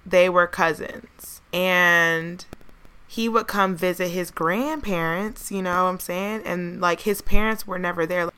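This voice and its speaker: Woman, American accent, hoarse smoker's rasp, bright tone, casual storytelling, slangy podcast co-host. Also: lowish voice, fairly even intonation, a little slow. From United States. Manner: candid, slangy.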